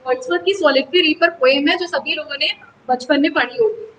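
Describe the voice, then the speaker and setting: A woman teacher giving a lesson on English pronunciation, slowly spelling out syllables and stressing words. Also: high voice, a bit bright, slight background noise, poor audio.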